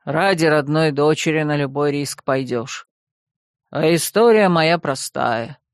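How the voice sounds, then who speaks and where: A woman voicing a stern, brooding old frost king and father, in an audiobook reading. He speaks slowly and gravely. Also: low voice, no echo, studio quality, pitched below the performer's own voice. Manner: slow, grave and measured.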